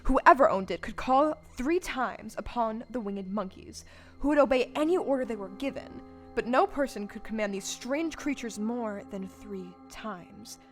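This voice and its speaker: Narrating a fairy-tale audio play in a theatrical, scripted style, a woman with a fairly high, natural voice takes her time as the storyteller. It's a live stage show, with loud music underneath her.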